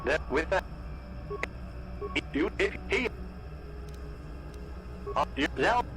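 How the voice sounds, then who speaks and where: A cold, logical machine guardian from a video game whose voice is glitching, stuttering and breaking apart mid-word. It sits a touch high and speaks in flat, formal fragments, with game music playing behind. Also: male voice, extremely slow. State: glitching, stuttering broken speech.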